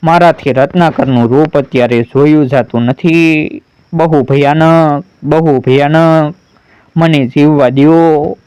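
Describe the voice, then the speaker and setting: A frail, frightened old woman slowly pleads for her life, as a male storyteller puts her on. Each word is drawn out and begging, in a smooth, clear, dry voice. It is a folk tale read aloud. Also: on the high side, fairly even intonation, darkish tone, no room sound, poor audio. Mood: pleading.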